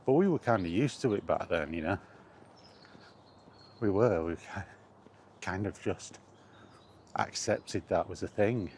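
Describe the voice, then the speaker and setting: A middle-aged gaming vlogger with a deep, darkish, animated voice speaks a little slowly and pauses often in a casual, rambling, reflective monologue about video games. He frequently repeats phrases for emphasis, and clear ambient noise is audible in the background.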